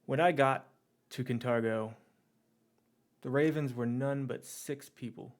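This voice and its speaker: A man's voice: medium pitch, steady tone, a little slow, close to an everyday voice. A man voicing a confident male gang leader addressing his crew, blunt and wry, in tabletop role-play. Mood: self-assured.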